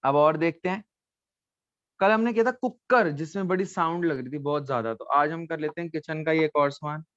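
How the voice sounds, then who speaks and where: A man teaching a language class online, repeating each word slowly and quizzing his students. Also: on the high side, a bit bright, no room sound. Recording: dull lo-fi sound.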